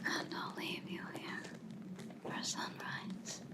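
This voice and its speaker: In a whispered ASMR roleplay, a woman portrays a cold, menacing vampire hunter, speaking slowly and deliberately with quiet threat. Her voice stays close to an everyday one, and the mood is quietly menacing.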